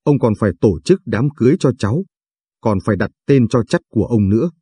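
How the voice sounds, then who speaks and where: A man's voice: mid-range voice, animated, fast talker, mellow, breathy edge, no room sound, clean studio sound. A man voicing a young granddaughter in a storybook reading, pleading and affectionate. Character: young woman granddaughter, tearful and loving.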